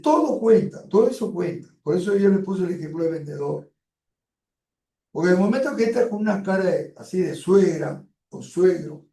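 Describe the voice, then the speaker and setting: Lecturer, gravelly voice in an echoey room. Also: male voice, high voice, mellow, distant mic. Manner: drawn-out emphatic delivery with many fillers; colloquial, addresses students directly. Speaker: university lecturer. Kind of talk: online class lecture.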